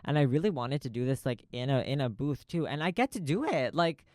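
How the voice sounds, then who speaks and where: A man's voice: mid-range voice, animated, a little fast, a little mellow, no echo. A man hosting a podcast in a small recording studio, rambling through a profane, stream-of-consciousness info dump. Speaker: podcast host. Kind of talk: casual rambling monologue.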